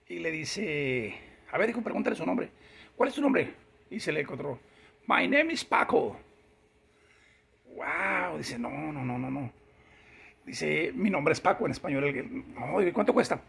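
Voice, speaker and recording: A man's voice: a little high, vocal fry, fairly bright tone, husky. A man telling a long joke, chuckling as he goes and acting out each character's lines. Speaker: joke teller.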